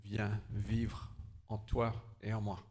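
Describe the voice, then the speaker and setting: A man preaching a sermon in short phrases, pausing for an interpreter, with an earnest, slightly halting delivery. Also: lowish voice, flat delivery, darkish tone.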